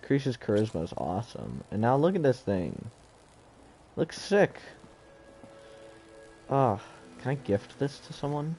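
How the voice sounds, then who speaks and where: A man's voice: medium pitch, very animated, a little slow, long pauses, warm tone, faint music behind. A man streaming a video game live, who chats loosely to himself and swears as he sorts his gear. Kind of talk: casual gameplay commentary.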